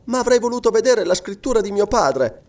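A man's voice: high-pitched, animated, a little fast, darkish tone, pitched above the performer's own voice. A man voicing an anxious young girl who pleads tearfully for news of her father, in an audiobook. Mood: eager. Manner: tearful, imploring. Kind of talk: audiobook reading.

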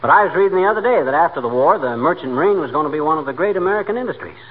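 An actor playing a boastful, bumbling middle-aged husband who rambles and corrects himself in 1940s radio comedy. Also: male voice, on the high side, animated, rapid-fire, natural voice. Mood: earnest, encouraging. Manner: rambling, blustery, self-correcting. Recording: noisy tinny 1940s radio broadcast.

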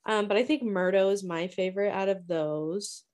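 A woman co-hosting a casual book discussion, blunt and swearing freely with quick asides. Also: medium pitch, a little mellow. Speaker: book podcast co-host.

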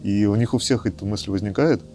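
A man's voice: fairly low pitch, brisk, dark tone, slight background noise. A man hosting a casual podcast conversation, rambling and hesitant with many fillers.

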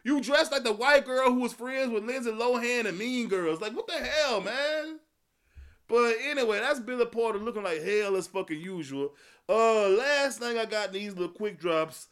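A man's voice: extremely high pitch, normal speed, fairly bright tone. A man hosting a podcast, giving a profane, sarcastic solo rant of commentary. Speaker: podcast host.

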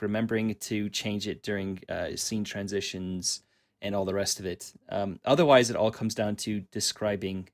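A man co-hosting a casual chat, thoughtful and hesitant, searching for words as he goes. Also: fairly low pitch. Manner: thoughtful, hesitant, many ums and restarts. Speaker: podcast co-host.

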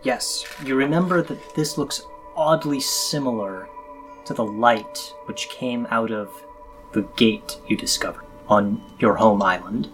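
A man running a tabletop role-playing game as game master, describing scenes in an unhurried way with pauses. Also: medium pitch, fairly bright tone, soft background music.

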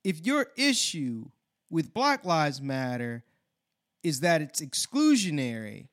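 Male co-host, slightly high voice, emphatic, wry, rushes his key points. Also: sing-song, a bit bright. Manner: emphatic and wry, speeds up when making a point. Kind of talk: conversational discussion.

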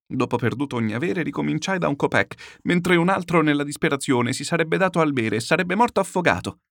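A man's voice: on the high side, expressive, brisk, gravelly, fairly bright tone, no room sound, clean studio sound, pitched above the performer's own voice. A man voicing a desperate, ruined middle-aged swindler who pleads and laments in a frantic, self-pitying way.

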